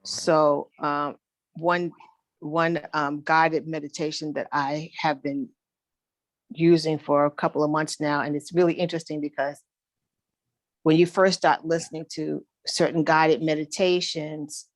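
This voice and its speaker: Deep-voiced woman, calm and reflective. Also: no room sound. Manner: slow, reflective, loosely rambling. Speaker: meditation group participant. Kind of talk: casual sharing on a group video call.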